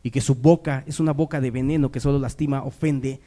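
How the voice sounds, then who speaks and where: A man preaching a sermon, moving between quiet, low asides and loud, raised exhortation. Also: steady tone, brisk.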